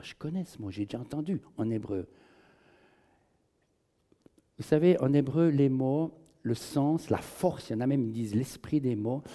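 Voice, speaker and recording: Guy giving a sermon, chatty and animated, super dark mellow voice, keeps asking the crowd stuff. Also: mid-range voice. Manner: conversational, animated storytelling with rhetorical questions. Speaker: preacher.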